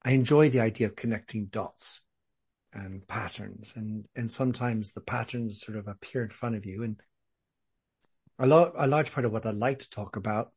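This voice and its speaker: A man with a posh English accent, a podcast guest telling a story in a thoughtful, measured way. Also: fairly low pitch, darkish tone, slightly rough. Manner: thoughtful, measured, some repeated words. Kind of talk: conversational storytelling.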